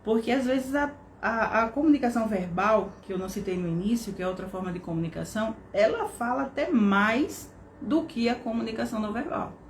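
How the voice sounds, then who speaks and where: A course instructor with a Brazilian Portuguese accent teaches an online lesson in a slightly high, fairly quick voice. She explains things step by step, often checking in with tag questions, and the room is echoey with faint background noise.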